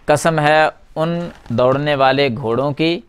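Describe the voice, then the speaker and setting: A man teaching a class at a whiteboard, explaining a verse word by word, putting questions to the students and answering them himself. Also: fairly high pitch. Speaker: Quran teacher.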